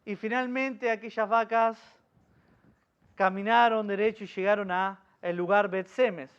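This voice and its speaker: A man's voice: high voice, a little slow, smooth, dull audio. A man with an Argentine accent, a pastor leading a Bible study, telling the story vividly and asking his listeners questions. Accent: Argentine Spanish. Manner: lively storyteller who quizzes his listeners.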